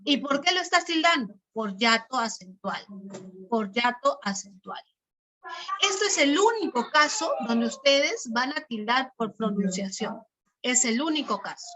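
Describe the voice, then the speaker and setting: A woman teacher, her voice high and bright. She works through the lesson step by step and repeats the key terms. She keeps checking in with her class through short questions. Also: expressive, a little slow, low-quality recording.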